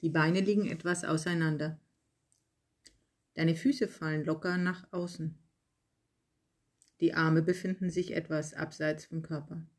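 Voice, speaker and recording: A medium-pitched guide reads a yoga nidra relaxation from a script, speaking calmly and slowly in short, measured phrases separated by pauses.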